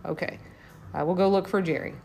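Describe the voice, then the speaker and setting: A woman's voice: lowish voice, fairly even intonation, brisk, gravelly, warm tone, faint music behind. A woman talking to her pets in an amused, teasing way, drawing her words out. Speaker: dog owner. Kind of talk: casual talk to a pet.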